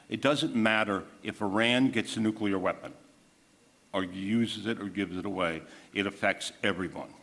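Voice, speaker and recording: A man making earnest, urgent remarks on a conference panel. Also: fairly low pitch. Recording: long reverb of a large conference hall.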